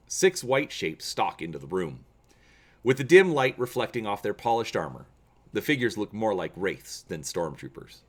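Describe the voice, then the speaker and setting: A man with a low voice runs a gaming channel, explaining things to viewers and reading text aloud with dramatic, expressive emphasis.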